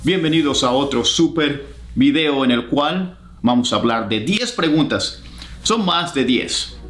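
A man hosting a casual language lesson, explaining phrases and repeating them slowly for learners. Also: medium pitch, expressive, a bit bright, echoey room, soft background music. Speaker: English teacher and channel host.

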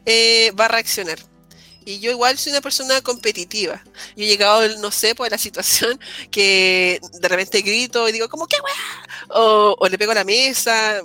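Chatty Chilean young woman, bright voice. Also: on the high side. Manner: rambling, full of restarts and Chilean slang. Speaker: podcast co-host. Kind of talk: casual chat.

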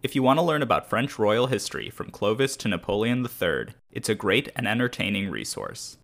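A man hosting a history podcast, telling the story in a measured, scripted narration. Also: on the low side, very animated, gravelly. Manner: measured storytelling, briefly acting out shouted quotes.

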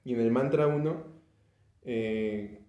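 A man's voice: mid-range voice, slow pace, muffled recording. Laid-back Mexican man in an echoey room. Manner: relaxed, hesitant, many fillers and restarts. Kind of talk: casual podcast chat about music.

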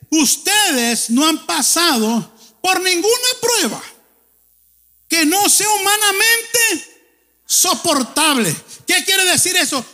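Brief: middle-aged male pastor, very high voice for a man, animated joking sermon, long church hall reverb. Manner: animated, joking, exhorting the congregation.

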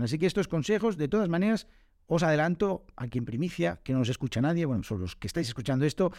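A man's voice: on the high side, a little mellow, no room sound, studio quality. A man, hosting a casual podcast and answering listener questions in an informal, chatty way with fillers and self-corrections. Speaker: podcast host and Spanish teacher.

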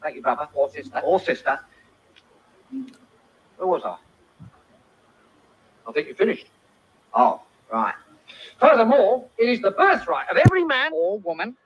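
A man's voice: sits high, very animated, a little slow, pauses often, husky, exaggerated voice. An actor playing an earnest, pompous male rebel in a comedy film, speechifying. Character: earnest male rebel who wants to be a woman. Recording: dull old film soundtrack.

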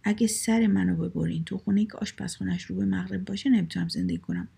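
An assertive young wife fusses and complains insistently about the rooms in a storybook reading. Her voice is husky and mellow with a gravelly edge, as a woman reads her. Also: mid-range voice, steady tone, heavily acted.

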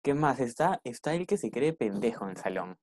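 A man's voice: mid-range voice, sing-song, brisk, a little mellow. Blunt man in casual chat. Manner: blunt, direct, steers the topic.

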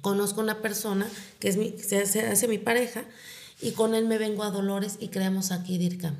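A middle-aged woman with a Mexican accent tells her own story as a guest in an interview. Her mid-range voice carries a gravelly fry. She tosses a quick tag question onto the end of almost every phrase. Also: medium pitch, little pitch movement, darkish tone. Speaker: guest, foundation founder.

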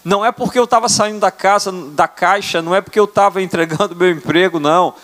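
Older male apostle, high-pitched, earnest sermon delivery, church hall reverb. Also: quick pace, a bit bright. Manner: earnest preaching, tag questions. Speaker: apostle preaching. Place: church sanctuary.

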